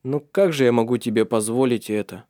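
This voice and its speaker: An earnest young nobleman urges and reassures the woman he loves in a storybook reading, played by a man. He speaks at a mid pitch with urgency. The recording is close and dry. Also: a little fast, mellow, no echo, lightly acted.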